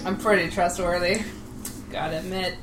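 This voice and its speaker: A woman player at a tabletop game, chatting casually with quick, playful interjections. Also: fairly low pitch, steady tone, faint music behind. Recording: echoey room.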